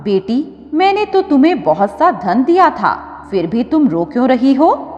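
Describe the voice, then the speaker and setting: A woman's voice: high voice, sing-song, measured pace, a little mellow. Earnest goddess Parvati voiced by a woman, echoing. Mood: caring. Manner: pleading, earnest. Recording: dull audio with long reverb.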